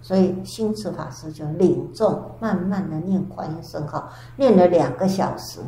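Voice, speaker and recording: An older woman, a Buddhist nun, giving a storytelling dharma lecture with drawn-out sentence particles. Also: on the low side, warm tone. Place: temple lecture hall. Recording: echoey hall with faint background hiss.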